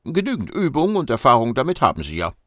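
A man's voice: mid-range voice, wildly swooping pitch, fast, a bit bright, no echo, studio quality, pitched above the performer's own voice. A man reading an audiobook and voicing a desperate female secret agent, insistent and ironic.

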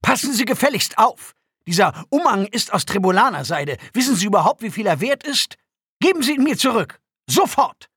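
A man voicing a haughty, pampered male alien nobleman in an audiobook, shrill and indignant. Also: very animated, normal speed, a bit bright, husky, dry recording, studio quality, full character voice. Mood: outraged. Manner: shrill, outraged, demanding.

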